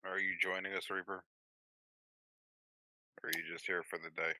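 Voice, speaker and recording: A man's voice: low-pitched, flat delivery, normal speed, pushed and bright, dry recording, rough recording. A man playing a tabletop role-playing game, speaking casually as a player.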